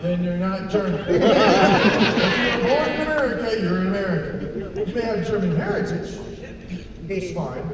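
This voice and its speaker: Lively high-voiced man riffing on a panel. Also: unhurried, heavy background noise. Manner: animated, laughing riffs. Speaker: convention panelist. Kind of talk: joking panel banter. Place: convention hall stage. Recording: echoey hall from far off with crowd.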